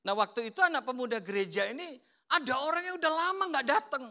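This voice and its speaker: A man's voice: very high voice, fast talker. A man preaching a sermon, telling playful stories and acting out quotes. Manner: lively, playful storytelling with acted-out quotes. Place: church service.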